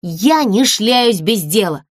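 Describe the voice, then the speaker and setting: A woman's voice: high-pitched, huge pitch swings, brisk, no room sound, voice pushed up. Woman voicing a plucky storybook doll girl, close and dry. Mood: earnest. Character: earnest, determined young girl doll.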